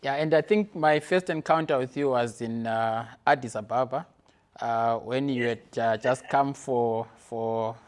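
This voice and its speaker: A middle-aged man hosting a podcast, asking questions in a measured way with some fillers. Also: medium pitch. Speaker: podcast host. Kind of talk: interview.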